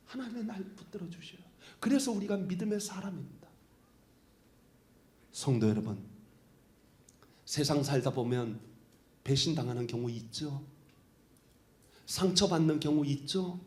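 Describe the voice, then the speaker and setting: A male pastor preaching a sermon, moving between shouted prayer and hushed whispers. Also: on the high side. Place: church sanctuary. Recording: echoey church hall.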